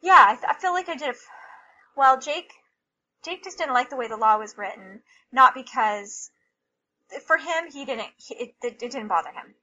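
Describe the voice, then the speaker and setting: A woman guest on an interview show, candidly telling a personal story in an emotional, halting way. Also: high voice, animated, sharp tone. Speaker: podcast guest. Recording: slightly dull lo-fi recording with faint hiss.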